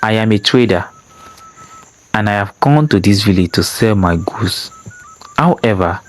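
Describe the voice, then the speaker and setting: Man voicing a soft gentle stranger, polite trader guy, low-ish. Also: expressive, a little slow. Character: soft-spoken tall male stranger, a trader.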